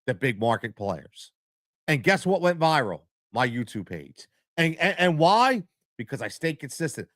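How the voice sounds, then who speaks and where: A middle-aged man with a Philadelphia accent hosting a live stream, talking in an animated, repetitive way full of stammered restarts. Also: a little high, normal speed, no echo, studio quality. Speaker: show host.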